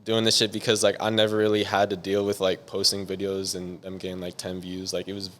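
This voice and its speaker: A man's voice: low voice, a little fast. A young man from San Diego, a music producer talking casually in an interview, rambling with lots of "like". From San Diego, USA. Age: young adult. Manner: relaxed, rambling, heavy on "like".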